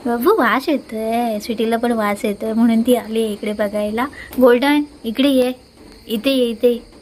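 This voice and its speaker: A woman's voice: on the high side, a little mellow, slight background noise, rough recording. Chatty Marathi woman filming her pets. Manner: chatty, scolds and coaxes the dog. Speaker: pet vlogger. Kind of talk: casual pet vlog narration.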